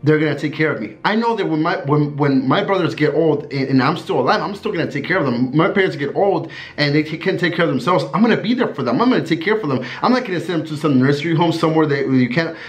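A man's voice: on the high side, animated, quick pace, few pauses. A man in his thirties from the USA, talking casually to camera in a rambling, earnest way, full of fillers and laughing as he recalls stories. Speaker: vlogger.

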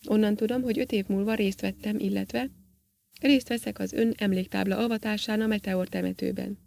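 A woman's voice: medium pitch, steady tone, creaky, a little mellow, lightly acted. A woman reading an audiobook, voicing a male astronaut who speaks hesitantly and reluctantly.

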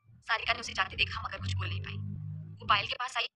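A woman narrating a dramatic story and acting out every character's lines, changing her pitch and loudness for each. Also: fairly even intonation, quick pace, noisy background.

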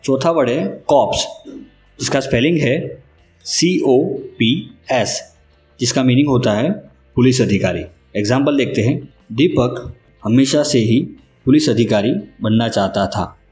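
Slow, deliberate man teaching vocabulary. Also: medium pitch, darkish tone. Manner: slow, deliberate, spells words out letter by letter. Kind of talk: scripted vocabulary lesson. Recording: roomy echo with faint music.

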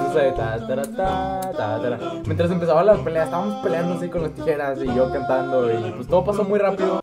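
A young man with a Mexican accent telling a childhood story on his vlog, swinging between hushed asides and loud exclamations. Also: fairly high pitch. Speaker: vlogger.

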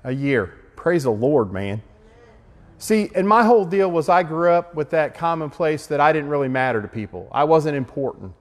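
Pastor guy preaching his testimony, kinda high voice, big echoey hall. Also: sing-song, normal speed. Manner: earnest, emotional, rising to fervent exhortation. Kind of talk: testimony sermon. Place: meeting hall. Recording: long reverb of a meeting hall.

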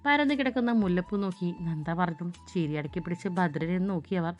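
A woman reads a romance story aloud in a steady, gentle narrating voice pitched on the low side. Soft music plays faintly under her. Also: fast. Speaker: audiobook narrator.

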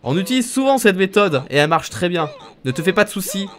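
A man reading game dialogue aloud as a bossy young female pirate captain, in a lively, slightly raised voice. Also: sits high, fast, voice pushed up. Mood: confident. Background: game music.

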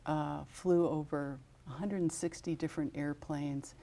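Low mellow american lady, 50s, tv studio guest, steady and informative, lots of ums. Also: a little slow. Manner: steady, informative, with frequent fillers. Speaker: guest from an aviation safety foundation. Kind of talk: studio interview, listing honorees. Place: television studio.

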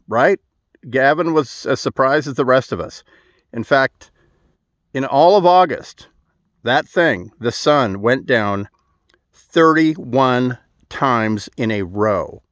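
A man's voice: medium pitch, dry recording. A middle-aged man vlogging to a phone held at arm's length outdoors, dry and sarcastic, with many "uh" fillers. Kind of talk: sarcastic to-camera vlog. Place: outdoors at a desert wind farm.

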